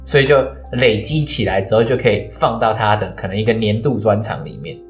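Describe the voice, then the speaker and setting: A young student co-hosting a podcast talks casually in a lowish, fairly quick voice over soft background music. He explains things at length, leaning on hesitant fillers.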